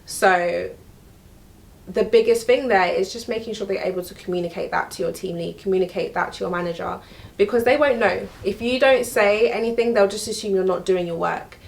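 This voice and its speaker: Young woman vlogger, mid pitch with vocal fry, direct and emphatic delivery. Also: brisk. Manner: frank and emphatic, repeats key points. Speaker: vlogger giving career advice. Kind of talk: direct-to-camera advice talk.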